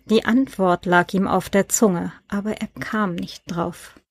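A woman narrating an audiobook with calm, even scripted reading. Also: mid-range voice, a little slow, husky, dry recording.

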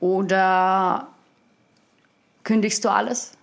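A woman's voice: mid-range voice, steady tone, takes it slowly, vocal fry. A woman in her twenties from Ukraine, a dancer chatting casually as a guest and laughing often. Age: 20s. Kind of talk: casual conversation.

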